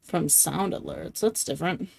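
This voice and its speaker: A woman's voice: deep voice, normal speed, vocal fry, a little mellow, slightly rough. A woman streaming games, chatting casually, laughing often and swearing freely. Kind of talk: casual game-stream chat.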